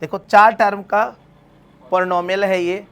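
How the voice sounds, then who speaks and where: A man's voice: sits high, level tone, unhurried, clean tone. A math teacher, lecturing a class. He keeps asking his students questions and answers them himself, calling them beta as he talks them through each step.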